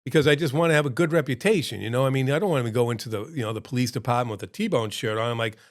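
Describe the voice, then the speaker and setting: Rambling man telling a wild story. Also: very fast. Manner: rambling, acts out quotes with big pitch jumps. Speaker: restaurant owner and show host. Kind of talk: casual storytelling.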